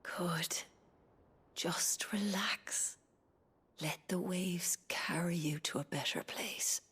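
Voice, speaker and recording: An actress playing a weary, grieving young woman healer who speaks quietly and steadily in a game scene. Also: lowish voice, steady tone, in a whisper, exaggerated voice. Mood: soothing. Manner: quiet, measured, somber. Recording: game audio with clear music behind.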